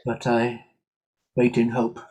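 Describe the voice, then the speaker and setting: A man's voice: mid-range voice, completely flat delivery, slow, dark tone. A man from Wales introducing himself as auditor with dry humour.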